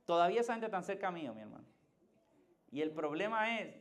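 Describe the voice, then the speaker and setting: A man's voice: high-pitched, sing-song, brisk. A male pastor with a Puerto Rican Spanish accent, giving a conversational sermon that builds to emphatic climaxes and asks the congregation questions. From Puerto Rico.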